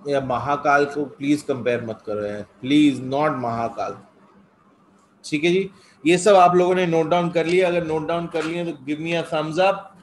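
North indian guy teaching a live class, bit high pitched, mixes hindi and english, some noise behind him. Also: rapid-fire, low-quality recording. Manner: switches between English and Hindi. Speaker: test-prep teacher. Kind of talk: live online lecture, conversational.

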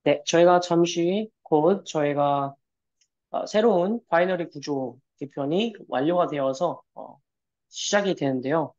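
A man's voice: on the high side, racing, a little mellow, highs cut off. A man interpreting a webinar consecutively, polite and formal with hesitant fillers. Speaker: Korean interpreter.

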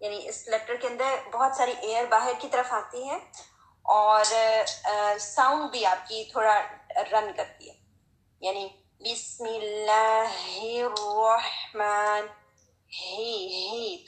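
Slow, patient woman teaching recitation. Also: a little high, echoey room, low-quality recording. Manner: slow, patient, demonstrates sounds with strong breathy h. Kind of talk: Tajweed lesson.

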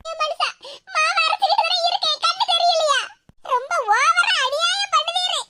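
A shrill cartoon wife. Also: normal speed, full character voice. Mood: wailing complaint. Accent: southern Tamil Nadu. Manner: scolding, whiny, squeaky. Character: feisty older wife and mother-in-law, sharp-tongued. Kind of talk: cartoon voice acting. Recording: loud background noise.

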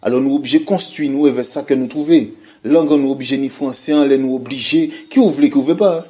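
A man from Guadeloupe with a Guadeloupean Creole-French accent, talking to his followers in an animated, emphatic monologue that mixes Creole and French. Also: mid-range voice, fast. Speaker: video creator addressing his followers. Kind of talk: casual monologue to camera.

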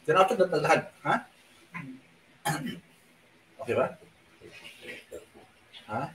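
A man hosting a live stream, telling a rambling travel story in a soft voice with lots of fillers. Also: on the high side, animated, takes it slowly, reverberant, distant mic, slight background noise, low-quality recording. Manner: speaks softly on purpose at night. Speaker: online show host. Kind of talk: casual live-stream chat.

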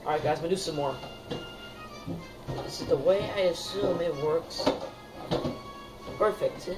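A young boy filming himself in a home kitchen on a phone, chatty and excitable, full of fillers and calls of "guys". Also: a little high, measured pace, loud music behind the voice, poor audio. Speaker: home cooking vlogger. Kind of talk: casual cooking vlog. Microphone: phone camera held close.

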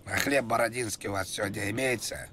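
A man with a lowish voice places a prank food order over slight background noise. He rambles, repeats himself and keeps ending his phrases with short checking questions. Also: fast talker, bright, forceful tone. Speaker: prank caller and streamer. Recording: noisy background hiss and ambience.

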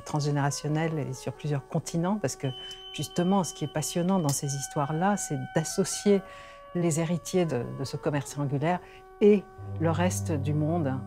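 A woman's voice: deep voice, mellow. A middle-aged woman, a singer and novelist, talking reflectively in a radio interview and hesitating often. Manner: reflective, hesitant with frequent fillers.

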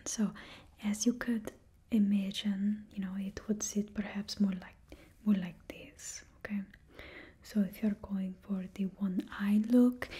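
A young woman with a mid-range, dark, husky voice whispers close to the mic, playing a cheerfully ruthless supervillain stylist in a put-on Russian accent and dropping little words. It's ASMR roleplay from a small indoor studio with a backdrop, her face close to the camera.

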